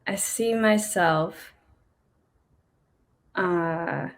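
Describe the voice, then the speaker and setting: Bubbly young woman singer as a guest. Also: on the low side. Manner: bubbly, giggly, quick to cheer. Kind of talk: casual interview.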